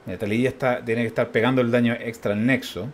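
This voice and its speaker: A man with a Chilean accent giving casual gameplay commentary as a streamer, thinking aloud, counting out loud and chuckling often. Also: mid-range voice, fairly even intonation, quick pace, slight background noise.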